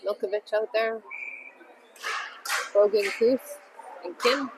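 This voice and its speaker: A woman with a fairly high, steady voice speaks slowly while doing casual play-by-play at a hockey game. She's chatty and pulls for the home team, and the recording carries the noisy ambience of the rink.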